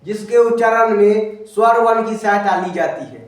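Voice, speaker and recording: A man's voice: high voice, moderate pace, far from the mic. A young man teaching grammar in a casual, chatty lesson, repeating questions to his students. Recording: echoey room, voice from off-mic.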